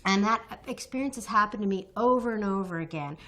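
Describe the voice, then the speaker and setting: A woman from the United States, an activist appearing as an interview guest, answers questions earnestly and passionately. Her medium-pitched voice is bright and forceful, fairly quick, and she often restarts and repeats words while building her point.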